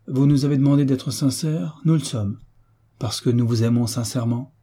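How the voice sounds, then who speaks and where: A man's voice: mid-range voice, moderate pace, dark tone, husky, voice pushed up. A man reading as a blunt old navy commander. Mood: earnest. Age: older. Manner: frank, firm, plain-spoken.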